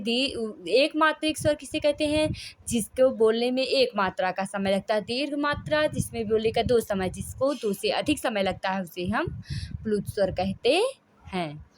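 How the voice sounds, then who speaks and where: A woman's voice: on the high side, a little hiss or hum. A woman teaching Sanskrit grammar, reading out rules and then explaining them, drawing out vowel sounds to show their length.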